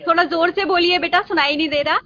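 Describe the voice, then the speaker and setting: A woman's voice: very high voice, fairly even intonation, quick pace, pushed and bright. A woman lecturer giving a virtual class and patiently taking students' questions. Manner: patient, calls students "beta". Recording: dull lo-fi recording with faint hiss.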